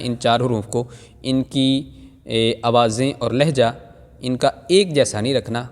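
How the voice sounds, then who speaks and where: A man teaching Quran reading, drawing out each Arabic letter slowly and then explaining patiently to parents, with much repetition. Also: mid-range voice. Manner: slow, drawn-out recitation of Arabic letters. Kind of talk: Noorani Qaida recitation lesson. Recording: hall reverb.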